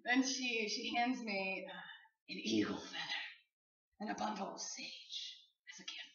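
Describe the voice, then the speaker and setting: Sarcastic, animated woman telling a story. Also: medium pitch, measured pace, reverberant, distant mic, muffled recording. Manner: animated, laughing, blunt and sarcastic. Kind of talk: casual storytelling.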